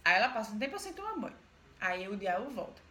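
A woman's voice: mid-range voice, very animated, fast talker, sharp tone. A woman retells a folk tale casually, with emphatic repetitions and asides to her listener. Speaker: storyteller. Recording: roomy echo, faint background noise.

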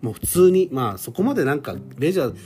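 Rambling forties man, mellow voice. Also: fairly high pitch, big pitch swings, fast talker, slight background noise. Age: 40s. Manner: rambling and self-deprecating, many fillers. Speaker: podcast host. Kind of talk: casual solo podcast monologue. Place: home.

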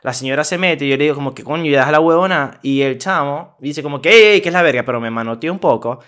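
A young man with a Venezuelan accent, casually telling a story on a podcast, slangy and animated, acting out what people said. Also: mid-range voice, fast. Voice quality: animated, slangy, acts out quoted voices. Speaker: podcast co-host.

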